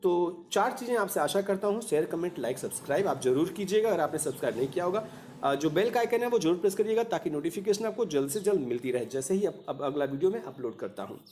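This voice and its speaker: A male teacher walks through an exam lesson, his pitch swinging up and down animatedly. He explains patiently, often pausing to check that the listener follows. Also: animated, a little mellow, a little hiss or hum.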